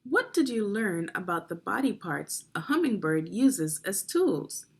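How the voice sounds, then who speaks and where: In an unhurried, sing-song manner, a woman with a husky mid-range voice reads children's nonfiction aloud. She is a read-along narrator and teacher who guides young listeners with questions and instruction.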